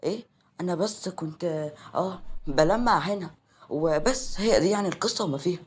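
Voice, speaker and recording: رجل يؤدي خادمة شابة فضولية متذمرة. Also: male voice, sits high, a little fast, breathy edge, voice pushed up. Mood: flustered. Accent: Egyptian. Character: nosy young maid, hesitant and grumbling.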